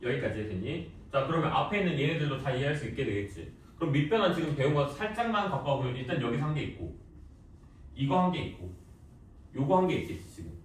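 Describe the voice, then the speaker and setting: A male math teacher giving a classroom lecture, lively and teasing, quizzing students with quick questions. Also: fairly high pitch, slight background noise. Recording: echoey classroom, voice from far off.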